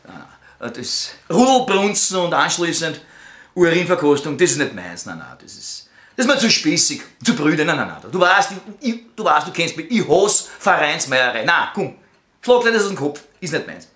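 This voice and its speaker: A man's voice: very animated, normal speed, reverberant. Brash Viennese man on a phone call. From Vienna, Austria. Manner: crude, brash, swings between loud outbursts and low mutters. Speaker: comedian. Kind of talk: one-sided comic phone call. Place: at home, indoors.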